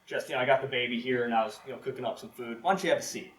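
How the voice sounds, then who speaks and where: A man's voice: medium pitch, racing, fairly bright tone, a little hiss or hum, lightly acted. A man voicing a clever, confident giant's wife, sweetly reassuring and breezy. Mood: breezy, innocent. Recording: roomy live hall sound.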